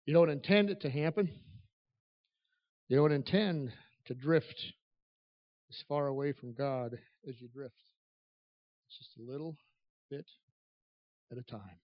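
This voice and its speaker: A man's voice: medium pitch, highs cut off. A man preaching an earnest, personal sermon at a pulpit microphone in a church, building to emphatic stresses.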